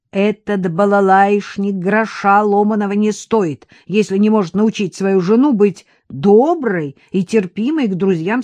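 A woman voicing a hungover, boisterous young man who is loud, sneering and drunkenly slurring, in an audiobook. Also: medium pitch, no room sound, pitched above the performer's own voice, natural voice.

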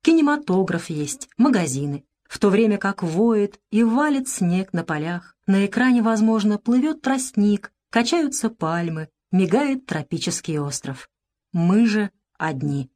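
Expressive woman reading an audiobook. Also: mid-range voice. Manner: measured, expressive. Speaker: narrator.

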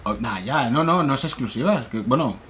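A man's voice: mid-range voice, lively intonation, a little fast, fairly bright tone, a little hiss or hum. A man, co-hosting a casual podcast chat, exasperated and critical. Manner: exasperated, critical, stacks up arguments. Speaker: podcast co-host.

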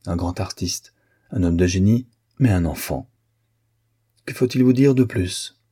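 An ironic, worldly princess, coaxing and softly mocking, as a male reader puts her on. She comes through in a raised, soft tone above a deep, husky man's voice. A storybook reading with a dark, mellow timbre. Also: a little slow. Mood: tender. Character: teasing, worldly seductive princess, adult woman.

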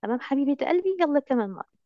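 Woman recitation teacher, Egyptian accent, brisk and coaxing, dry lo-fi call audio. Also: high-pitched, lively intonation, dry recording. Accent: Egyptian Arabic. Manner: affectionate, coaxing, heavy on endearments. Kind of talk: online recitation lesson.

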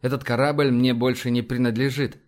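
A man's voice: mid-range voice, level tone, fairly quick, close to an everyday voice. A man voicing a shrewd, sardonic male admiral in a sci-fi audiobook, dry and conspiratorial.

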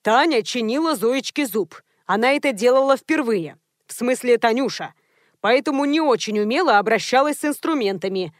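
A woman's voice: a little high, expressive, normal speed, no echo, clean studio sound, close to an everyday voice. A woman voicing a fussy, eager man who rambles through a flustered explanation.

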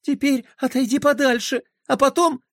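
A man voicing a skeptical, spunky skateboarder girl in a storybook reading, sharp and dismissive. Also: very high voice, steady tone, normal speed, dry recording, studio quality, voice pushed up. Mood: scoffing.

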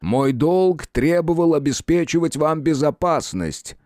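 A man voicing a senior male official who speaks slowly in a level, commanding way. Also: fairly high pitch, animated, a little mellow, no room sound, studio quality, pitched above the performer's own voice. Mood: calm. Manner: level, measured, authoritative.

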